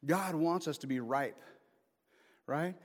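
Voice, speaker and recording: In a reverberant hall, a man in his fifties gives an informal sermon as pastor, speaking slowly with a fairly high pitch. He alternates jokes with emphatic appeals to his congregation.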